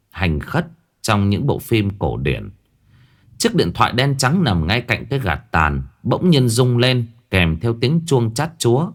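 A man narrating a horror story in an expressive, colloquial way. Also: fairly low pitch.

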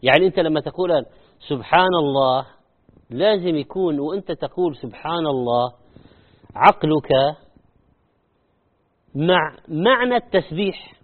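A man's voice: on the high side, animated, moderate pace, long pauses. A man giving a religious lesson, acting out wrong and right ways of saying short phrases by repeating them. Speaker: Islamic teacher. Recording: tinny phone-like sound.

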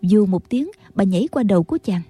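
Woman reading a story out, kinda husky, dry sound, steady pace. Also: medium pitch, fairly quick, no room sound. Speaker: audiobook narrator. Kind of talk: scripted narration.

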